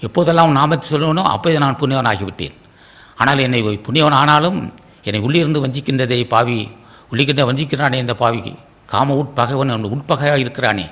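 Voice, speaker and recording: A middle-aged man from Tamil Nadu giving a devotional sermon as a spiritual teacher, pleading in repeated prayer-like phrases and often clearing his throat. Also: mid-range voice, fairly bright tone. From Tamil Nadu, India.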